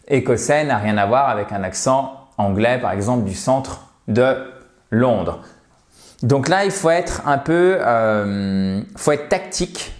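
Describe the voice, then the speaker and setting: A man with a mild cold explains language tips in a relaxed, emphatic teaching voice. He keeps checking that his viewers follow him. The room gives his voice a noticeable echo. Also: medium pitch. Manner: chatty and emphatic, checks in with "d'accord?". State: has a cold. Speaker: English teacher. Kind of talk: casual spoken lesson to camera. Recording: echoey room.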